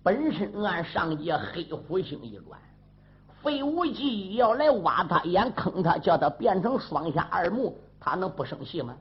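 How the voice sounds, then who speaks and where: A man performing a traditional story, animated, with sound effects and asides to listeners. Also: high voice, unhurried. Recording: dull sound, faint music.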